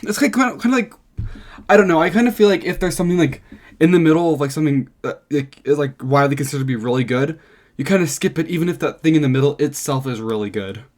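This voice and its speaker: Higher-voiced rambling male podcast host. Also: quick pace. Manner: rambling, hedges with fillers. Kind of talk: casual chat.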